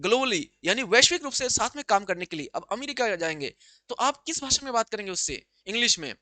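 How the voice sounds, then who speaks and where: A man with a Bihari Hindi accent teaching an exam-prep lesson, reading English lines slowly and explaining each one, with many "hai na" checks to his students. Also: high voice, sing-song, sharp tone, no echo. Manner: repeats "pyare bachchon" and "hai na", reads English lines slowly then explains them.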